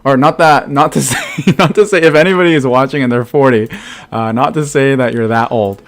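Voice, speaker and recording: In this clip, a man from the United States in his thirties talks a little fast in a mid-range voice, casually commentating a game stream, answering chat and often laughing.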